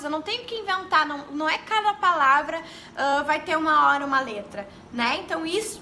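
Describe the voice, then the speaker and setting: Bright-voiced woman teaching live. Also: high-pitched, a little hiss or hum. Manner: chatty, addresses viewers as "gente", self-corrects often. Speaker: teacher giving a live class. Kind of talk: casual live-stream teaching.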